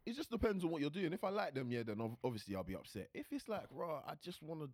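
A man's voice: on the high side, big pitch swings, quick pace, a little mellow, no room sound, clean studio sound. A young man with a London roadman accent, chatting casually in a group with blunt, slangy phrasing. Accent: London, urban street slang. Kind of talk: casual banter in a group discussion.

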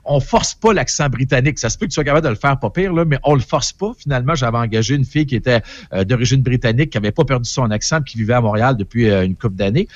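A man's voice: mid-range voice, racing, hardly any pauses, no room sound, dull audio. A man with a Québécois French accent, giving an opinionated, rambling entertainment column in casual radio chat.

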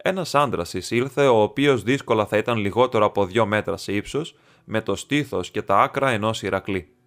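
Low-voiced male audiobook narrator. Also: a bit bright. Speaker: audiobook reader.

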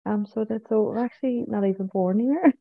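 A Northern Irish woman, a psychic medium guesting on a podcast, chats casually and repeats herself, ending sentences with "you know" and "so it is." Her medium-pitched, creaky voice runs a little fast on a dry, tinny phone-like line.

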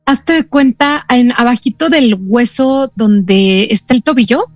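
A woman with a Mexican Spanish accent hosting a radio talk show, telling anecdotes in a lively way with quick asides. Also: a little high, no echo. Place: radio studio.

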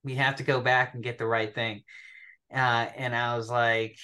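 A young man, a military veteran, telling a story on a podcast in a profane, animated way, laughing as he goes. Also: mid-range voice, normal speed, clean tone. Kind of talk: casual storytelling.

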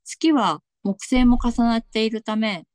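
Slow, measured woman astrologer. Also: on the high side, dry recording. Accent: Tsugaru. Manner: slow, deliberate delivery with soft fillers. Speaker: astrologer guest.

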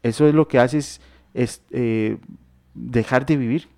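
Man, casual faith talk, halting with fillers and rhetorical questions, dry close sound. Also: medium pitch, gravelly, mellow, no echo. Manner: hesitant, many fillers and restarts, rhetorical questions. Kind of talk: casual religious discussion.

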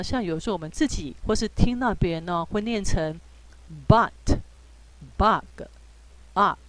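A woman teaching English phonics in a relaxed, patient way, with many drawn-out fillers and reassuring asides. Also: medium pitch, no echo. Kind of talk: relaxed spoken lesson.

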